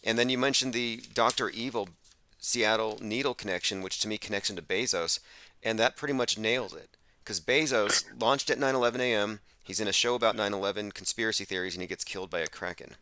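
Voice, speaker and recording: A male host in a casual conversation, explaining at length in an earnest tone. His voice is bright and forceful and sits a little low. The recording is dry and close. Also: fairly quick, dry recording.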